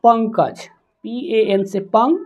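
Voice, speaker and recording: A woman teaching a spelling lesson, slowly sounding out words letter by letter. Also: a little high, steady tone, a little mellow, highs cut off.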